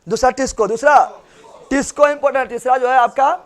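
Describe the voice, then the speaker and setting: A man's voice: extremely high pitch, fairly even intonation, fairly quick. A male teacher, giving a classroom lecture and drilling students with repeated questions and answers.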